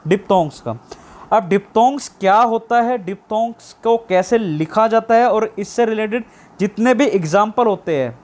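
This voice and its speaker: Guy teaching shorthand online, pretty high voice, keeps asking then answering his own questions. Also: darkish tone. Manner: explains slowly, repeats key terms as questions; drawn-out stress on English terms. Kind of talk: online lesson.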